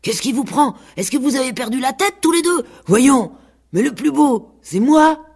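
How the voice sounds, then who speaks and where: Self-satisfied naive pig, voiced by a woman reader; high, lively, smug. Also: moderate pace, husky, heavily acted. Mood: excited. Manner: guileless and smug. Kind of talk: radio play reading.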